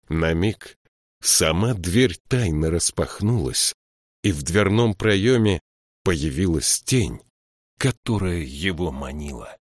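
A man narrating a fantasy audiobook in a steady, measured storytelling voice. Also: sits low, no echo, clean studio sound. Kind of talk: scripted narration.

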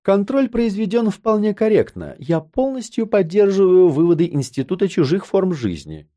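Dry stern older doctor lady, voiced by a male reader, raised lively voice, audiobook. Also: a little high, moderate pace. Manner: dry, matter-of-fact. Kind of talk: audiobook character reading.

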